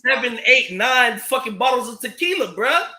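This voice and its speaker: A man telling a story in casual chat, animated and swearing, acting out what others said. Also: very high voice, normal speed, a loud crowd. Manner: animated, swears, acts out quoted dialogue. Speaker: podcast guest telling a story. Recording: echoey room.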